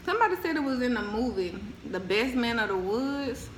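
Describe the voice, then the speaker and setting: A woman's voice: fairly high pitch, animated, brisk. An American woman chatting casually between crunching bites on an eating show, repeating phrases for emphasis. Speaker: mukbang vlogger. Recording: roomy echo, faint background noise.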